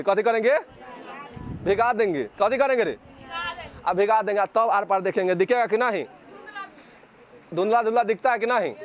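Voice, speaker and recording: A Bihari man with a high voice teaches physics to a group of students. He keeps asking the same question again and again to drill it in, and he scolds anyone who messes around. Children murmur faintly in the background of an outdoor space. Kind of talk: classroom lecture to students.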